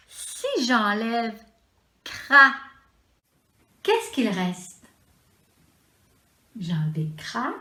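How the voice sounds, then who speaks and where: A woman with a Quebec French accent teaching preschoolers, sounding out syllables slowly and clearly in a sing-song way. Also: fairly high pitch, sharp tone. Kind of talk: slow, deliberate teaching for young children. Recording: echoey room.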